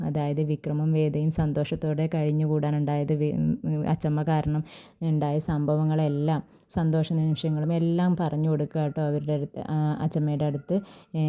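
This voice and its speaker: A woman's voice: low voice, clean tone, highs cut off. A woman casually retelling a TV serial's plot, chatty, with frequent asides and self-corrections. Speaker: TV serial recap narrator.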